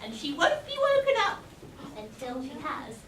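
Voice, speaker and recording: A woman playing a scheming wicked queen disguised as a feeble old granny, in shrill, camp, hammy pantomime style. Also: wildly swooping pitch, normal speed. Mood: gloating. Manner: wheedling, theatrical, hammy. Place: small stage in hall, far camera. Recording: echoey, noisy school hall from far off.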